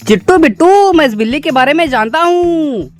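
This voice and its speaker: A woman's voice: high-pitched, lively intonation, normal speed, faint music behind. A woman voicing a curious young boy in a cartoon who eagerly explains things.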